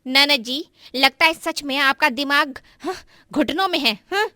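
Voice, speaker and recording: A woman voicing a sharp-tongued young daughter-in-law. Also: high-pitched, measured pace, no room sound, clean studio sound. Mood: sharp taunting. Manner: sharp, taunting.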